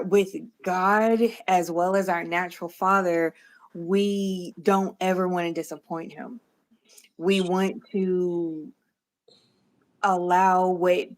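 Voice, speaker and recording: A woman hosts a faith-centered livestream interview. Her voice sits slightly low and she speaks slowly. She tells animated stories and acts out quotes with playful laughter. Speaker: host.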